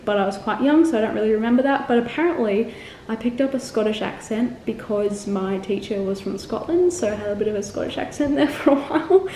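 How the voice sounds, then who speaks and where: In an echoey room with a faint background hum, a young Australian travel vlogger from Melbourne rambles casually to camera. Her fairly high voice is warm, and she frequently pauses with ums and fixes her own words.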